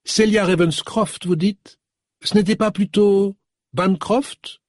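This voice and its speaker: Reading an audiobook, a man voices a chatty, rambling woman employer on the phone, a contralto-voiced character, pitching himself above his natural voice. His delivery is slow and fairly even with a darkish tone, in clean studio-quality audio with no room sound.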